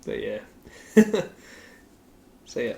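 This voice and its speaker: His voice is warm and very slow as he co-hosts a podcast, an Australian man chatting casually about sports. He wanders from point to point, laughs a lot, and leans heavily on "like."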